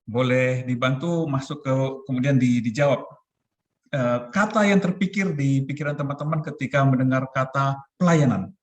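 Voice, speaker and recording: A man in his forties giving a relaxed, chatty youth talk over a video call, laughing often. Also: medium pitch, normal speed. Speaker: youth ministry speaker.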